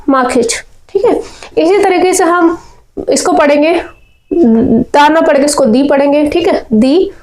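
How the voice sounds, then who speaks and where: A woman's voice: high voice, darkish tone, rough recording. A woman teaching spoken English pronunciation, drilling words over and over and asking and answering her own questions.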